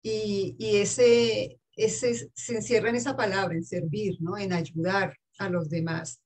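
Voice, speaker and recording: A woman, an English teacher telling stories earnestly in a casual interview, with soft laughs. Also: mid-range voice, steady tone, slow pace, husky.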